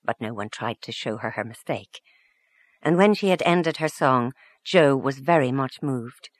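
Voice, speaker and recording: Audiobook narrator, steady mid-range voice, gentle storytelling pace, dry close sound. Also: mid-range voice, unhurried, no echo. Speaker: audiobook reader. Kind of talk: scripted narration of a literary short story.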